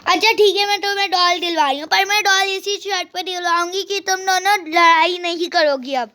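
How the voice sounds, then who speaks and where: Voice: extremely high pitch, steady tone, a little fast, sharp tone. A girl voicing a stern, fussing mother who scolds her quarrelling daughters in a toy life-sim game role-play. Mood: scolding. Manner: bossy, fussing.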